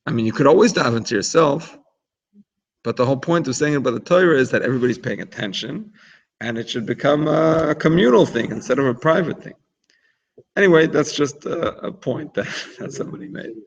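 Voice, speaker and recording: Gravelly man teaching a relaxed religious class. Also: fairly high pitch, a little fast, highs cut off. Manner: chatty, explanatory, many restarts. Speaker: Torah teacher.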